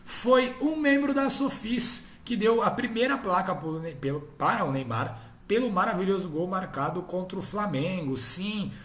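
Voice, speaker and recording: A man's voice: sits high, normal speed, few pauses, fairly bright tone, reverberant. A man hosting a casual football history talk, chatty and often ending his points with tag questions. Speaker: host.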